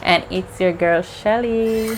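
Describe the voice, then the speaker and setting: Jamaican woman co-host, loud playful teaser, mid pitch, noisy background. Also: steady tone, slow. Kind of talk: casual mukbang chat.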